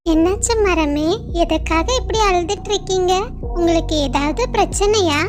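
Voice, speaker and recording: A kind-hearted little sparrow, played by a woman in a very high, sweet voice. She talks gently and cares about her friends, in the tone of a children's cartoon. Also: normal speed, music in the background. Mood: friendly.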